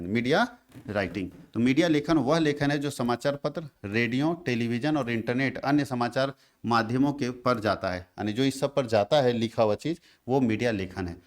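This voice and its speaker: Man from teaching exam revision. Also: medium pitch. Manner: explains each point twice with quick check questions to students.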